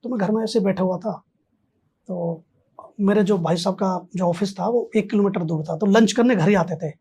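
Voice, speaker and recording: A man's voice: high-pitched, normal speed, darkish tone, breathy edge. A man, a podcast guest, telling a story in casual conversation and acting out both sides of the dialogue.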